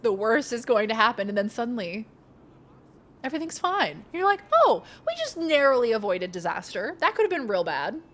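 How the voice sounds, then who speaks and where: A woman livestreaming a video game, chatting casually with playful, expressive, giggly commentary. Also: fairly high pitch, moderate pace.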